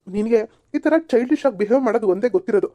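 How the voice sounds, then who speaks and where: A woman's voice: a little high, animated, very fast, no echo, highs cut off. A woman voicing an exasperated young man in an amateur cartoon serial, scolding and pleading by turns.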